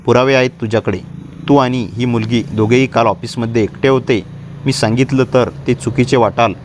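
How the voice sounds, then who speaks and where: A man's voice: mid-range voice, fairly even intonation, moderate pace, a little hiss or hum, natural voice. A man voicing a cruel, scheming male college lecturer who sneers and threatens. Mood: sneering.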